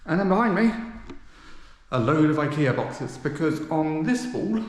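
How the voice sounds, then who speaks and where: A man's voice: a little high, expressive, measured pace. A man chatting casually as he vlogs, his voice echoing heavily around a nearly empty indoor room. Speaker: vlogger. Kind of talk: casual chat to camera.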